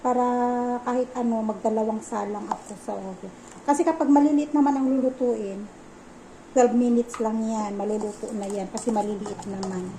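A woman's voice: fairly high pitch, steady tone, moderate pace, background noise. A woman vlogging casually at home, chatting and mixing English phrases into her talk. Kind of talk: casual home vlog narration.

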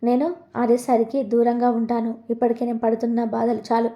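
Torn young heroine, firm refusals, flat dark voice, a woman reading her. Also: fairly high pitch, brisk, roomy sound, lo-fi sound, close to an everyday voice. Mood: refusing. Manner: pleading refusals.

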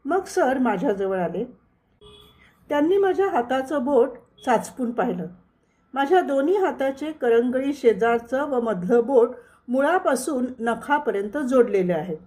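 A woman narrating a first-person memoir as a scripted audiobook reading, in a measured storytelling manner that touches quoted lines only lightly. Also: high voice, expressive, warm tone.

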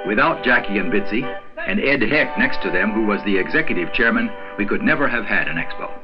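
An older man giving a measured scripted narration for a documentary film. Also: fairly low pitch, animated, over music. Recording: dull 1970s film soundtrack.

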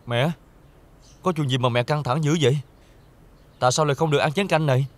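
A man playing a fast-talking cheerful young son. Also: a little high, natural voice. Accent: Southern Vietnamese. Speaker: actor. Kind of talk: TV drama acting. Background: music.

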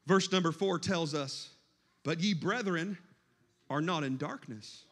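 A man preaching a sermon in a church, moving between hushed scripture reading and shouted exhortation. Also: on the high side, unhurried.

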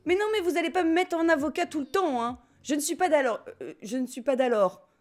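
A woman's voice: sits high, brisk, darkish tone. A French woman live-streaming a game, chatting casually and giggling with her viewers. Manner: chatty, giggly, swears casually, talks to chat. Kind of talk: casual live-stream chat while gaming. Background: game music.

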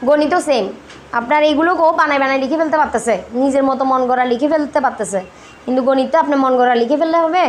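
A woman's voice: sits high, quick pace, a little hiss or hum. A woman giving firm instructions to teachers, often posing rhetorical questions. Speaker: teacher trainer.

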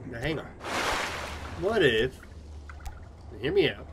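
Streamer, male, put-on Southern drawl, rambling frustrated live commentary at home, mid-pitched, background noise. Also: sing-song, slow. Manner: rambling, thinking aloud, frustrated. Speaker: gaming streamer.

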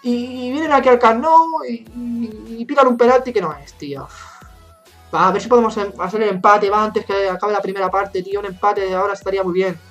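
A woman in her twenties with a Spain Spanish accent, commentating her own gameplay live, excitable and swearing often as she rants. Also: mid-range voice, fairly quick, soft background music. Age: 20s. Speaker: gaming YouTuber.

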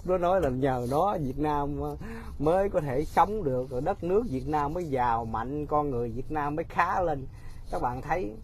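Man, mocking commentary, higher voice, faint traffic noise behind. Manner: mocking, laughing, talking straight to viewers. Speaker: political commentator. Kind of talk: casual spoken commentary.

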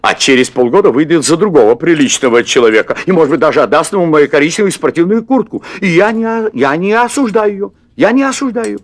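A man's voice: on the high side, animated, fairly quick, few pauses, no room sound, studio quality, lightly acted. An actor in his fifties playing a nervous middle-aged restaurant owner who confesses at length, hesitating and repeating words, in a stage play recorded for television. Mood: confessional. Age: 50s. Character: anxious middle-aged man, restaurant owner craving adventure. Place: theatre stage set as hotel room.

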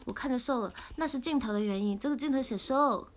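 A young woman with a Sichuan-flavored Mandarin accent, chatting playfully on a livestream and reading comments, pouty and quick to laugh. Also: on the high side. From Sichuan, China. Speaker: idol livestreamer. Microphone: phone camera. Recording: dull lo-fi livestream audio.

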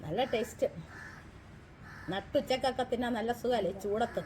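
High-voiced chatty woman vlogging from home. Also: moderate pace, a little mellow, echoey room, distant mic, slight background noise, rough recording. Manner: chatty, keeps checking in with viewers with tag questions. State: throat strained from talking. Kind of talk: casual chat to camera. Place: home kitchen.

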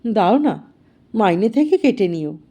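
A woman voicing a humble female house servant who speaks softly and slowly, pleading for help. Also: medium pitch, very animated, dull audio, voice pushed down. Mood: coaxing.

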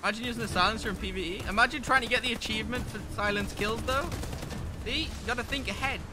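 A man with a high voice streams a shooter and chats with his viewers, swearing freely and flaring into rants. Game gunfire rattles clearly behind his talk. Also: background noise. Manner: profane, excitable, quick to rant. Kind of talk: live gameplay commentary with chat.

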